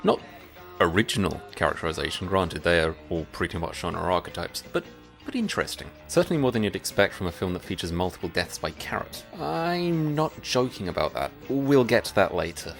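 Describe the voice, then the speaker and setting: Man, film review co-host, deep voice, gravelly, dry wry delivery. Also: big pitch swings, brisk, fairly bright tone, soft background music.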